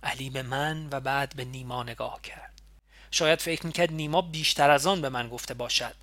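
A man reading a novel aloud in first person, expressive and emotional. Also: medium pitch, dry recording. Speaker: audiobook reader.

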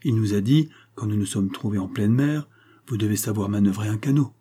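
A sly, scheming male accomplice who mocks and jokes with easy confidence, as a man reads him in an audiobook. The voice is warm and low in brightness, with a husky grain. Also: brisk. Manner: mocking, easygoing. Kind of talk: audiobook character reading.

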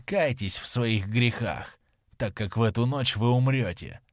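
A man voicing a vengeful male sailor with a slow, heavy, menacing delivery in an audiobook. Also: mid-range voice, no room sound, clean studio sound, close to an everyday voice. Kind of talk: audiobook character reading.

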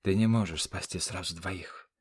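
A man voicing a dying old warrior who speaks weakly but steadily, calm and resigned. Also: fairly low pitch, normal speed, no echo, close to an everyday voice. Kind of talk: audiobook character reading.

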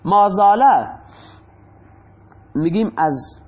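A male teacher giving a grammar lesson, patiently repeating examples and asking questions that he then answers himself. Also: high-pitched. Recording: dull lo-fi recording.

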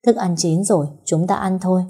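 A woman reading the lines of a caring young husband in a quiet, matter-of-fact way. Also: on the low side, steady tone, fairly quick, slightly rough. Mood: calm.

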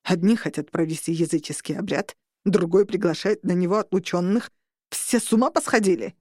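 A woman's voice: fairly low pitch, fairly quick, darkish tone, no room sound, studio quality, natural voice. A woman voicing a stern male war priest who declares and scolds. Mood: outraged.

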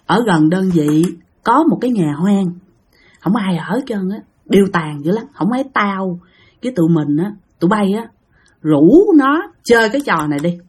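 A woman's voice: medium pitch, husky. A woman casually telling a ghost story, chatting straight to her listeners.

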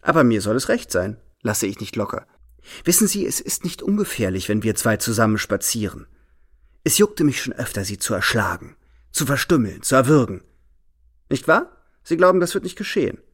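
Guy doing a dramatic novel reading, obsessed young man, swings from whispery to loud. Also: mid-range voice, sing-song, normal speed, breathy edge. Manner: impassioned, swings from hushed to exclaiming. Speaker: narrator.

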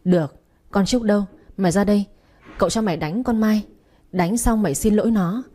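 A woman's voice: mid-range voice, fairly quick, dark tone, close to an everyday voice. A woman voicing a wealthy young husband who speaks coldly and harshly, giving orders in a storybook reading. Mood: cold fury. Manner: harsh, commanding. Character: cold angry young husband, wealthy household heir.

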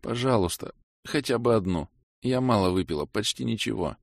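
A man's voice: on the low side, animated, normal speed, gravelly, no echo, studio quality, voice pushed up. A man doing a whiny, hungover young woman. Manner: whiny, soft complaining. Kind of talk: audiobook character voice.

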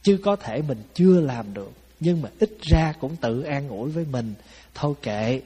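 A man giving a Buddhist dharma talk, telling stories in a lively, conversational way and often asking his listeners to agree. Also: on the high side, normal speed, husky. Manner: asks the audience "phải không?". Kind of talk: storytelling sermon. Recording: long hall reverb.

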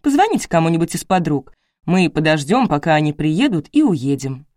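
A woman reading an audiobook, voicing a calm, practical older woman who speaks slowly and firmly. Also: deep voice, no room sound, studio quality. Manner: slow, measured, reassuring.

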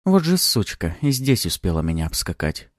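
A man's voice: sits low, big pitch swings, moderate pace, dry recording, clean studio sound. A man reading an audiobook, voicing an ambitious young woman with a wry, playful, mocking manner. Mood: flustered. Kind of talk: audiobook character voice.

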